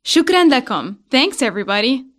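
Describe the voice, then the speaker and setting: High-voiced woman co-hosting a language lesson. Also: sing-song, rapid-fire, a bit bright. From Syria. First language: Arabic. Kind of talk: scripted language lesson dialogue and chat.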